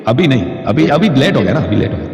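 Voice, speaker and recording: A man's voice: medium pitch, sing-song, a little mellow. A man hosting a heated religious debate, needling and argumentative, pressing his opponent with the same challenges again and again. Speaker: debate host. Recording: echoey, long reverberant sound.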